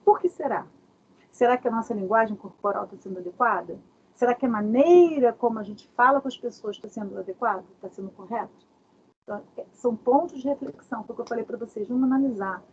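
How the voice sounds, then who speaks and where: Uma mulher dá um workshop online de casa, com jeito animado e muitas perguntas retóricas. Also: female voice, a little high, quick pace. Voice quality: very husky. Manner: animated, asks many rhetorical questions. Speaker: workshop speaker. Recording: dull lo-fi video call audio.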